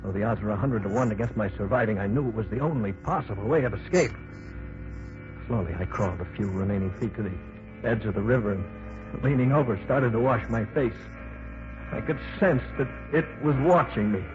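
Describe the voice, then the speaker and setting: An actor with a fairly low, natural voice and a brisk delivery plays a terrified captive trapped underground. As the first-person narrator of a radio play, he recounts his ordeal in tense, dramatic old-time fashion, heard through a scratchy, tinny vintage broadcast.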